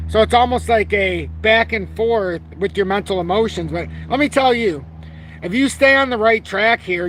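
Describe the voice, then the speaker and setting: Brash, rambling man with a high voice. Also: a bit bright, a little hiss or hum. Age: 40s. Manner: brash, rambling, swears casually; talks about himself through frequent self-corrections. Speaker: crypto channel host. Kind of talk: casual live-stream commentary.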